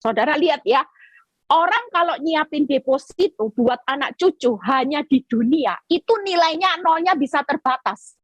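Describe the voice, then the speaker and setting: High-voiced woman preaching emphatically. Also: lively intonation, moderate pace, no echo, muffled recording. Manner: emphatic, repeats phrases, acts out quoted cries. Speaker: evangelist preacher. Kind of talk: sermon over video call. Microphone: video call.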